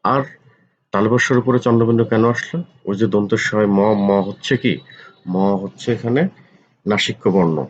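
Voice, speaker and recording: A man teaching a pronunciation lesson, saying each word slowly and repeating it with care. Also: on the low side, husky. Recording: dull lo-fi sound.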